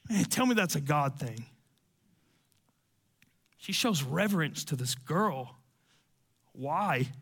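A man's voice: on the high side, lively intonation, slow pace, long pauses, fairly bright tone, breathy edge. A male preacher giving a conversational, emphatic sermon who repeats phrases for effect.

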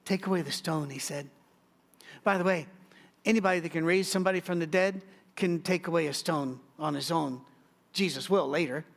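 Middle-aged male pastor, higher voice, sermon delivery with humorous asides. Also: moderate pace, vocal fry. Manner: storytelling with joking asides.

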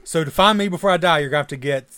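A man with a thick deep Southern US accent and slightly mumbled diction, bantering casually as a podcast co-host. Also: racing, fairly bright tone.

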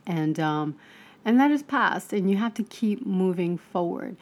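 A woman with a fairly low voice gives a spiritual self-help talk in a loose, conversational way. She pauses on fillers, restarts her sentences and slips into animated, mock-exasperated asides. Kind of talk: casual motivational talk.

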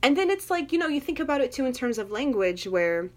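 A young woman with a Moroccan family background, chatting casually and telling animated personal stories, full of fillers and laughter. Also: high voice, fast talker. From Moroccan family, grew up in an English-speaking country. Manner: animated storytelling, lots of fillers, laughs often. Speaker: guest. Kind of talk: casual chat.

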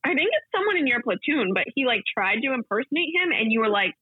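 A young woman co-hosting a podcast, chatting casually with a slightly gravelly voice and lots of fillers. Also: on the high side, big pitch swings, quick pace, dry recording. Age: young adult. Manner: chatty, laughs often, many fillers. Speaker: podcast co-host. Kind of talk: casual chat. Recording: tinny phone-like sound.

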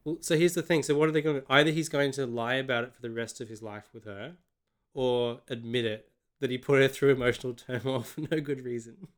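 Smooth-voiced Australian man. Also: medium pitch, steady tone, brisk. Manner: sardonic, rambling with restarts. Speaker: podcast co-host. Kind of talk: casual film review chat.

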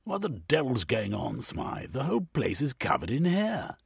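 A pompous, eccentric Victorian gentleman adventurer, as a male narrator puts him on, barking orders in a raised, louder voice. His tone is gravelly and a touch husky, recorded dry and close. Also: mid-range voice, huge pitch swings, no room sound, pitched above the performer's own voice, exaggerated voice. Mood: indignant. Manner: pompous, brisk upper-class commands.

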